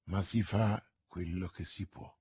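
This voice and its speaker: A man voicing a ruthless, calm noblewoman in an audiobook reading of a classic novel, with a low, controlled delivery. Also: slow pace, breathy edge, exaggerated voice. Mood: icy. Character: scheming cold-blooded noblewoman, calm and ruthless.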